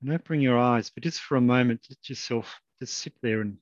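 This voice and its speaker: Calm man guiding a meditation. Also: medium pitch, no room sound, lo-fi sound. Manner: slow, soft, calm, with long pauses. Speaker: meditation guide. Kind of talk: guided meditation.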